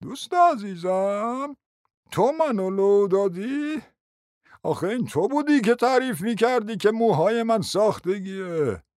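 A reader voicing a forgetful old prince who talks slowly and hesitantly, in a dry close recording. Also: medium pitch, lively intonation, dry recording, pitched above the performer's own voice, lightly acted. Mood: plaintive. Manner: slow, hesitant, wandering.

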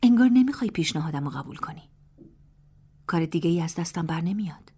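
A woman's voice: medium pitch, lively intonation, a little mellow, husky. A woman voicing a proud young female general who speaks in a cool, teasing, half-whispered way.

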